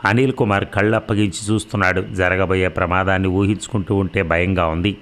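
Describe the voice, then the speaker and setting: Give me a low-voiced man reading a story aloud, measured and dramatic. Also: fairly even intonation, fairly bright tone. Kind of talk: scripted story narration.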